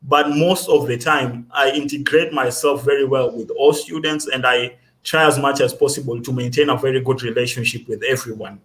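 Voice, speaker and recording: A man's voice: mid-range voice, steady tone, moderate pace, few pauses, fairly bright tone. A young man with a Kenyan accent, a student guest answering interview questions in an earnest, self-assured way. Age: young adult. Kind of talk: casual interview.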